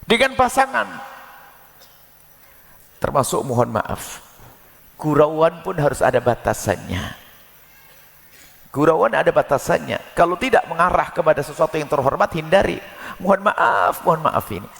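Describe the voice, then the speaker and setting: A man preaching a sermon in a lively, folksy way, with jokes and small acted-out scenes. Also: fairly high pitch, normal speed, vocal fry, long pauses, in a large hall.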